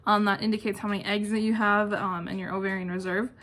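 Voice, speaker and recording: Fast-talking and flat, with a mid-range voice that's still fairly bright, a young woman addresses her channel casually and pokes fun at herself. It's a one-take vlog of answering questions, filmed indoors at home. You can hear a ceiling fan clicking and maybe neighbors talking outside.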